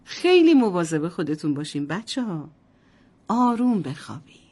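A woman's voice: lowish voice, sing-song, dark tone, breathy edge. A woman storyteller narrating a bedtime story to children in a sing-song voice, often addressing them directly.

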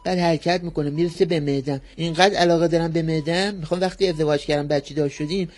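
A man's voice: fairly high pitch, steady tone, a little mellow, natural voice. An actor playing a naive young man who rambles earnestly about wanting to become a surgeon, in a radio comedy sketch. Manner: earnest, rambling, oddly fixated. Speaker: patient.

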